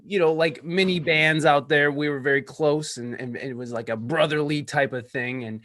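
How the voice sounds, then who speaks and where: Podcaster in his late thirties, a guest, energetic rambler who trips over his words, slightly high voice, dry close mic. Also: normal speed, dry recording. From California. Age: 30s. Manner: energetic, rambling, stammering restarts. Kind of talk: casual interview chat. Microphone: podcast microphone.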